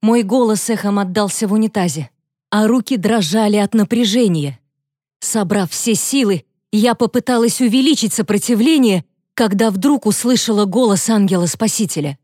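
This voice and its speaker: A woman narrating a first-person audiobook thriller in a steady, expressive way. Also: medium pitch, normal speed, no echo, studio quality.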